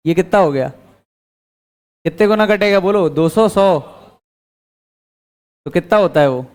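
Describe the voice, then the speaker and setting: With a high-pitched, smooth voice and a measured pace, a man delivers a physics lecture in class. He asks the students questions, then responds to them himself.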